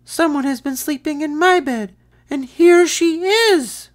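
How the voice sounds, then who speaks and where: A man voicing a tiny, squeaky female baby polar bear in a storybook read-aloud, sputtering and wailing. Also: measured pace. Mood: squeaky upset. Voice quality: high and squeaky.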